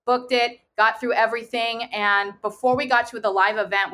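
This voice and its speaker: Woman, interview guest, bright crisp-edged tone, mid-pitched, conversational storytelling. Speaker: podcast guest, online seller.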